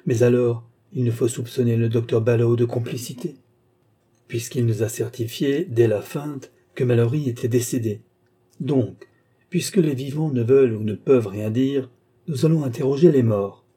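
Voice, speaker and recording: A man's voice: medium pitch, normal speed, warm tone, slightly rough, lightly acted. A man reading aloud, playing a stern Scotland Yard inspector who speaks firmly and tolerates no reply. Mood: commanding. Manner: firm, brooks no reply.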